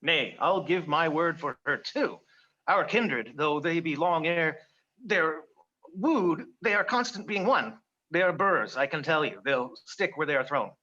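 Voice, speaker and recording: A man's voice: a little high, expressive, measured pace, bright, forceful tone, muffled recording, exaggerated voice. A man playing a teasing matchmaking uncle. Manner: teasing, playful. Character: bawdy middle-aged matchmaking uncle, jesting. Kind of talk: stage verse acting.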